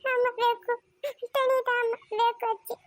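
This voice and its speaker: Woman acting as a little cartoon boy, clingy and tearful, very high piping voice, dry close sound. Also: little pitch movement, normal speed, no room sound. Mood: crying. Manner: whiny, repetitive pleading.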